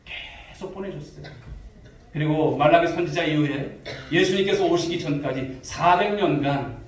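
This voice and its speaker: A man's voice: a little high, moderate pace. A man preaching a Sunday sermon as pastor, putting rhetorical questions to the congregation. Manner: asks the congregation rhetorical questions, addressing them directly. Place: church sanctuary. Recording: echoey hall, distant mic, faint noise.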